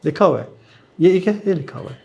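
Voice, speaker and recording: A man with a Pakistani accent coaching a class in a noticeably high voice. He gives encouraging feedback and slips English phrases into his Hindi-Urdu. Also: lively intonation, fast talker, gravelly, a little mellow, highs cut off. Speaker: trainer.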